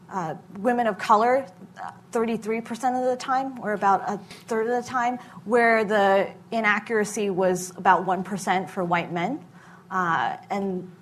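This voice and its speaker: A woman researcher answering questions at a hearing, speaking in a measured way with frequent filler pauses. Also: mid-range voice, slight background noise. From Massachusetts. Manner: measured, many filler uhs. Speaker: researcher giving testimony. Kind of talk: formal testimony answering questions.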